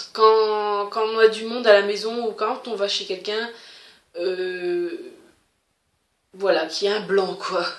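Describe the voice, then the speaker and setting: A woman vlogger chatting casually to camera as she answers a question tag, hesitant, with many fillers and restarts. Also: medium pitch. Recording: roomy echo.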